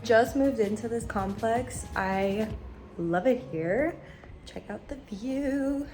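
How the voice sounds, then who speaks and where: A young woman vlogging in a chatty, rambling way, with many fillers, her voice hoarse from a recent cold. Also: on the high side, slow, darkish tone, soft background music. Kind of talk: casual vlog chat.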